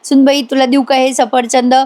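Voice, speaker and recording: A woman's voice: high-pitched, level tone, moderate pace, a little mellow, natural voice. A woman voicing a fussy, overprotective older father-in-law who bosses others around, in a serial recap. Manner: fussing, bossy.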